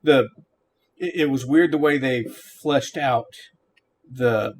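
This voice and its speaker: A man's voice: medium pitch, takes it slowly, a little hiss or hum. A middle-aged man hosting a gameplay series, talking casually as he reviews a game.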